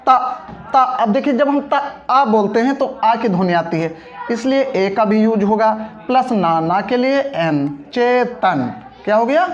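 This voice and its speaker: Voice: medium pitch, animated, measured pace. A teacher giving a step-by-step spelling lesson, patiently breaking words into syllables and checking that the class understood. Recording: dull lo-fi audio.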